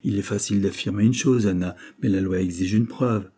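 Grave young man, gentle and steady, a male narrator doing him, mellow and husky. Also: lowish voice, fairly quick. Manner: calm, grave.

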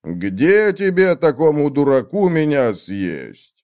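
A man's voice: on the high side, sing-song, a little mellow, voice pushed up. A man doing a lazy, mocking buffalo. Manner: slow, drawling, teasing.

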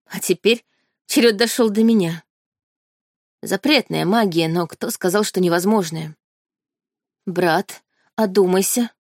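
A woman narrates a first-person fantasy tale in an even, measured reading voice. Her pitch sits in the middle, and the sound is close and dry with no room around it. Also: dry recording. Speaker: audiobook narrator.

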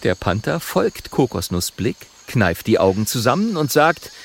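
A man narrating a children's audiobook in an expressive, measured way. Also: medium pitch, creaky, slight background noise.

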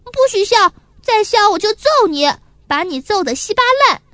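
Woman voicing a shrill bratty boy bully. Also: moderate pace, no room sound, studio quality. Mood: angry. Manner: shouting, whiny threats. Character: bratty little boy bully, hot-tempered.

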